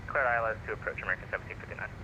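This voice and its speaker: A lower-voiced man calls in as a pilot in a quick, stumbling way, catching his own slips. His choppy radio transmission breaks up and cuts out. The sound is dull and lo-fi, under a bed of static. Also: pushed and bright. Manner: hesitant, with many fillers and self-corrections. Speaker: pilot in an online flight simulation. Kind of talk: radio calls to air traffic control.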